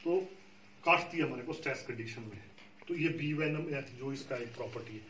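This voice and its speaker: Here a man teaches beekeeping to farmers, patient and frequently making sure they're keeping up. His medium-pitched voice is brisk and a bit bright. There's a little hiss or hum, and the room echoes with the mic at a distance.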